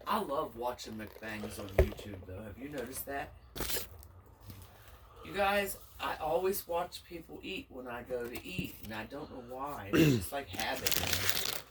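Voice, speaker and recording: A woman with a Southern US accent chatting casually with her husband while eating on camera, folksy and quick to laugh. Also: very deep voice, sing-song, distant mic, very noisy. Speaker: vlogger, mukbang co-host.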